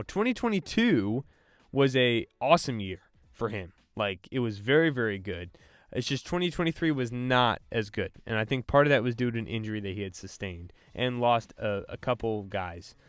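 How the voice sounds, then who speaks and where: A man's voice: on the low side, expressive, moderate pace, clear, resonant tone, no room sound, studio quality. A man hosting a sports podcast, breaking down draft prospects in a loose, casual way with lots of fillers and restarts. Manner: loose, filler-heavy delivery with frequent restarts.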